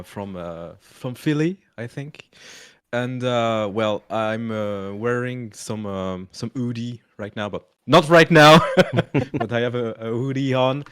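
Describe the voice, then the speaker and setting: A man's voice: medium pitch, clear, resonant tone, dry recording, clean studio sound. A man playing in a tabletop game, hesitant and laughing as he describes his character. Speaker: player.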